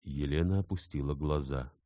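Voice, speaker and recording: A man narrating a classic novel in a measured, calm storytelling manner. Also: very deep voice, no room sound, studio quality.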